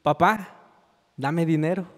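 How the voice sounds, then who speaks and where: A cheerful, trusting four-year-old boy quoted by a man preacher in a sermon story. The voice sits fairly high with a long church-hall echo trailing behind it. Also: slow.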